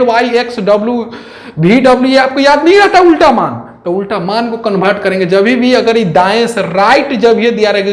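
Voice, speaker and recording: Chatty math teacher, echoey room. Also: male voice, high-pitched. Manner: chatty, counts aloud, asks rhetorical questions. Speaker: reasoning teacher. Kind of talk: classroom lecture on exam reasoning.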